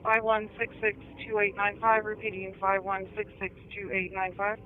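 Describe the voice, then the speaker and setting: A man's voice: sits high, monotone, moderate pace, narrow, tinny audio. A man calling in as an emergency unit, reading out coded numbers in ambulance and police radio traffic. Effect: two-way radio transmission. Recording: noisy two-way radio from vehicle.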